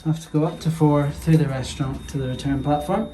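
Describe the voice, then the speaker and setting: A man's voice: a little high, fairly even intonation, quick pace. Chatty young man filming inside a lift. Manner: enthusiastic, chatty, lift-spotter detail. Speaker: transport vlogger. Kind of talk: casual on-location commentary. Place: lift inside a mountain station. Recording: echoey room with loud ambient noise.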